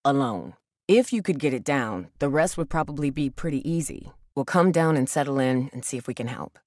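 A woman voice actor with an extremely low, darkish, expressive voice plays a guarded, blunt, protective young survivor of a zombie apocalypse in a video game. She delivers her lines briskly and dryly, sounding wary, with no echo.

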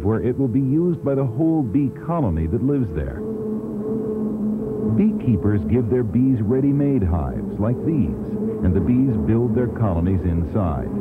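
A man narrating an educational documentary in a clear, teacherly way, heard from a worn VHS tape copy. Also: on the low side, heavy background noise. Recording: thin, tinny worn VHS tape with music. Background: music score.

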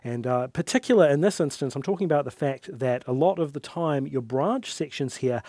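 A man, hosting a casual company update in a relaxed way, with lots of "uh" fillers, on a headset mic. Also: mid-range voice, fairly quick, no room sound. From New Zealand. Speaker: host. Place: studio workshop set, then at a desk.

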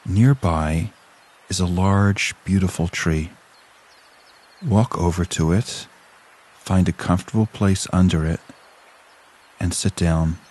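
This man's low, husky voice guides listeners through a scripted relaxation exercise. His delivery stays calm and soothing, measured and broken by long pauses.

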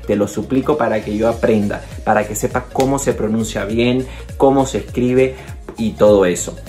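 A man's voice: mid-range voice, a little mellow. A man from Bolivia with a Bolivian Spanish accent, chatting casually to the camera and encouraging his viewers. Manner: chatty and encouraging, addresses viewers directly, often says "entonces". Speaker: video host giving language tips.

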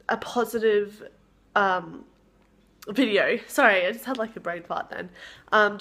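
A woman's voice: on the high side, a bit bright. A young Australian woman talking casually to her viewers in a rambling vlog, with lots of fillers. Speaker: vlogger.

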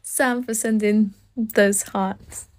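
Holding her phone close at arm's length, a young Filipino woman live-streams from an indoor room, reading comments and gushing and giggling as she thanks viewers. Her Filipino-accented voice is medium in pitch, steady in tone and slow, with a noisy background.

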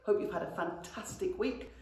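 Speaking at a normal speed in a darkish voice on the low side, a middle-aged woman teacher reads a children's story with expression and addresses the children fondly. The camera recording her sits a few metres off in a very echoey school classroom.

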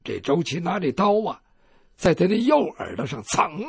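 Male storyteller, traditional tale-telling, dramatic delivery, high-set and husky, dry sound. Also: moderate pace, no room sound. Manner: animated, dramatic.

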